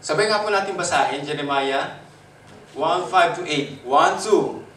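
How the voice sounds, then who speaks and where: Filipino male preacher, slightly high voice, lively and laughing, miked from afar in a roomy church. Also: measured pace. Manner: animated, jumps in pitch and loudness, laughs often. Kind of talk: Taglish sermon. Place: church worship service. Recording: echoey hall, from a distance.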